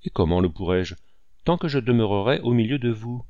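A man's voice: medium pitch, expressive, a little fast, a little mellow, no room sound, lo-fi sound, close to an everyday voice. A man reading an audiobook and voicing an impulsive, effusive old colonel with emphatic exclamations.

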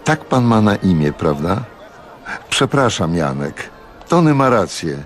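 A man's voice: lowish voice, big pitch swings, measured pace, soft background music, voice pushed up. A man voicing a touchy, glamorous woman with a theatrical, indignant manner in a radio audiobook reading. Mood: conciliatory.

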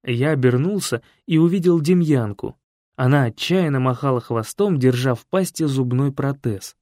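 Man, comic story narrator, mid pitch, dry close sound, lively storytelling. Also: normal speed, no echo.

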